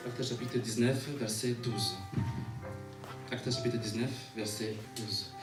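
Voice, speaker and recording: Heard through a distant mic in a reverberant space with music underneath, a man with a lowish, fairly even voice gives a sermon and reads scripture. His reading falters at times, while his preaching rolls along in rhythmic repetitions and rephrasings punctuated by amens.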